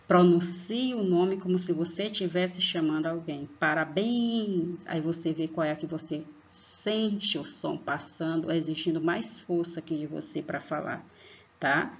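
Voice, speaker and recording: A woman teacher giving a patient online lesson to children, stretching out and stressing example words. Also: sits low. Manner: patient, talks to pupils as "tia". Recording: dull lo-fi online class audio.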